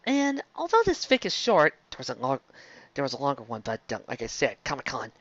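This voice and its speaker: With huge swings in pitch, a fairly bright tone and a slightly fast delivery, a mid-range voice carries a fan fiction reviewer's rambling, casual monologue that keeps digressing and restarting mid-phrase. There's no echo, and the recording is close, dry, dull and lo-fi.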